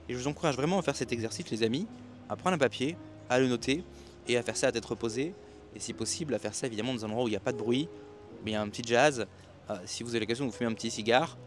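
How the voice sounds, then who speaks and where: By the sea at night, a man rambles through a motivational talk for his viewers, with many fillers and restarts; he makes self-help and expat business videos on YouTube. His voice is medium-pitched, and there's a little hiss or hum.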